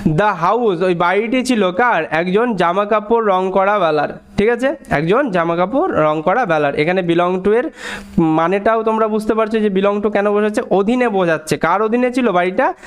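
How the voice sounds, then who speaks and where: A man teaching a story line by line, reading the English words slowly and explaining them at a quicker pace, often checking that learners follow. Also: high-pitched, clean tone. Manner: slow and deliberate on English phrases, quicker in explanations; asks learners frequent check questions.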